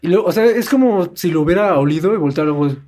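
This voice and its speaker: A man's voice: high-pitched, expressive, quick pace, warm tone. A young man with a Mexican Spanish accent telling stories in a casual chat and animatedly mimicking other people.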